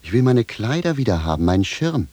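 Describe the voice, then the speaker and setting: An actor playing a blunt, bewildered peasant shoemaker in a 1970s radio drama, gruff and indignant. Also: male voice, on the low side, big pitch swings, fairly quick, dark tone, no room sound. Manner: gruff, plain-spoken, indignant.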